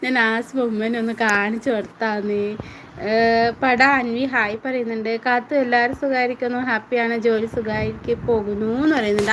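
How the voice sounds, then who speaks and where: A woman's voice: on the high side, background noise. A woman hosting a casual live stream at home, reading viewer comments aloud and answering each viewer by name in a chatty way.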